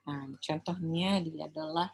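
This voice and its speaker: An accounting lecturer with an Indonesian accent delivers an informal, conversational lecture in a deep, steady voice at a measured pace. She regularly tosses in tag questions to confirm that her listeners are keeping up.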